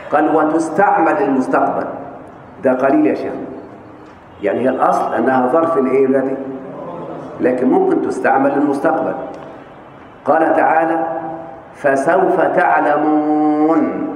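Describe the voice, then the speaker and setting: A man lecturing on Arabic grammar with an Egyptian accent, often pausing to quiz his students on the answer. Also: medium pitch, darkish tone, slight background noise. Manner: questioning students, coaxing answers. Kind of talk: classroom lecture. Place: large mosque hall. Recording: echoey hall with faint ambience.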